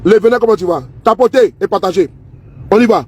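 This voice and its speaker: High husky-voiced man ranting to camera. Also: fast, darkish tone. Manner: repetitive, scornful, keeps asking viewers "you see?". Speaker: political vlogger. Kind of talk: casual political commentary to camera. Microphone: phone or camera he handles himself.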